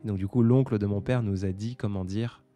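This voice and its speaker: A man's voice: lowish voice, steady tone, brisk, dark tone. A man in his twenties hosting a casual live stream, answering viewer comments in a hesitant, reflective way with many fillers. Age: 20s. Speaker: livestream host.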